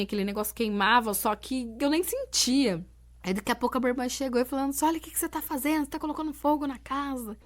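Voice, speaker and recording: A woman from Brazil telling a personal testimony in a conversational storytelling way, with frequent fillers. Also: mid-range voice. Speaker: interviewee recounting her testimony.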